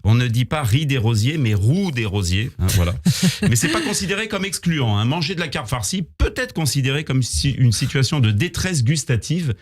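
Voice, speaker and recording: A man reading a scripted comic column on the radio in a small studio, with wry, deadpan asides. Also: medium pitch, fairly quick. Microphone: studio microphone.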